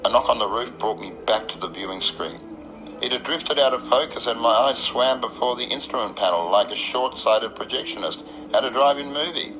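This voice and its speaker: Speaking fairly quickly at a medium pitch, an Australian man gives a dramatic first-person radio narration in the manner of a wry, literary beat poet. Electric guitar music plays, and there is background noise in the recording.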